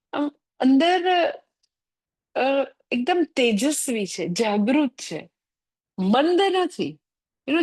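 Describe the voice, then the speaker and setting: A woman's voice: high-pitched, no room sound. A woman spiritual teacher giving a scripture class in a conversational way, dropping English phrases into her talk.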